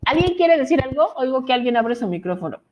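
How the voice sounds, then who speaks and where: A woman Bible teacher retelling a story to an online class in a lively, conversational way with quick asides, on a video call mic. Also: high-pitched, rough recording.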